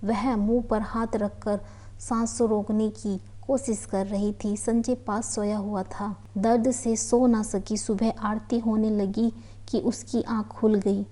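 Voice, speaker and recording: A woman storyteller reading a family story aloud in a steady, earnest way. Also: mid-range voice, takes it slowly. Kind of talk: read-aloud story narration.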